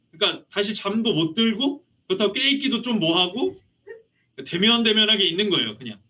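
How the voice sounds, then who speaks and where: A man in his thirties, a youth pastor preaching a lively sermon, telling anecdotes and asking the congregation questions. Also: high voice. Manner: animated storytelling, voicing a child and asking the audience questions. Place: church hall. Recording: muffled, from a distance.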